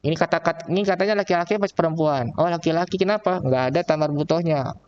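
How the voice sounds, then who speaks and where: A man teaching Arabic with a Jakarta accent, slowly drawing out the example phrases in a recorded online lesson. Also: fairly high pitch, darkish tone, clear, resonant tone, muffled recording. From Indonesia. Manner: slow, drawn-out reading of example phrases. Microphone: laptop mic.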